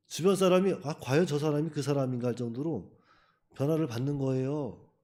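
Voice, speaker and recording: A man's voice: mid-range voice, dark tone. A man preaching a sermon as pastor, talking to the congregation in a chatty way, acting out quotes and chuckling between points. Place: church.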